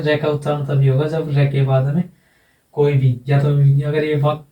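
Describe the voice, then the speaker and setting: A man teaching English phonetics, going slowly and repeating each sound several times, often checking in with a short tag question. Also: medium pitch, warm tone, roomy sound, distant mic, poor audio. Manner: ends phrases with a checking "है ना". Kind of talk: whiteboard phonetics lesson.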